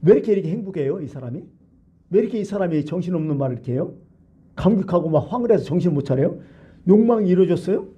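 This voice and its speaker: A man pastor preaching a colloquial, lively sermon in a church, full of rhetorical questions to the congregation. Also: high voice, rapid-fire, husky, muffled recording. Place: church sanctuary.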